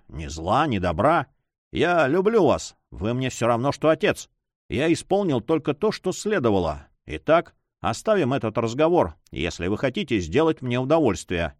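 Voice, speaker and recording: A man voicing a cold, vengeful young count who speaks in a measured, quietly menacing way. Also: medium pitch, dry recording, studio quality. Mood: warm, firm.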